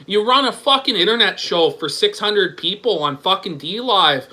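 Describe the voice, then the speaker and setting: A man's voice: high voice, expressive, moderate pace, pushed and bright, low-quality recording. A man hosting a stream, ranting in scornful, profane commentary. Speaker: stream host.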